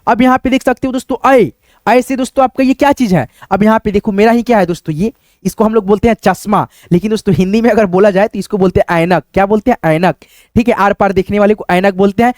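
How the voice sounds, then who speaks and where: A man teaching the alphabet to beginners slowly and patiently, asking questions and answering them himself, with a friendly word for the audience in nearly every sentence. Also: high voice, darkish tone, no echo, studio quality.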